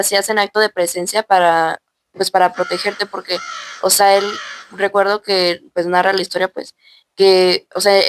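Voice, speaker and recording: A woman with a Mexican accent retelling a scary story casually, hesitant and full of fillers like "o sea" and "pues". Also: mid-range voice.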